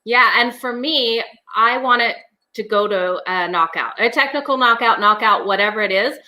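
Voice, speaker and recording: A woman's voice: a little high, normal speed, bright, forceful tone. A woman co-hosting a show with casual, opinionated sports talk.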